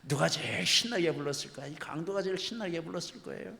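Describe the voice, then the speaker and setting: Give me a man preaching a sermon, a bit high-voiced, asking rhetorical questions, in a reverberant sanctuary. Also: lively intonation, quick pace, gravelly, bright, forceful tone. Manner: emphatic storytelling with rhetorical questions. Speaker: pastor. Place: church sanctuary. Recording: long church reverb.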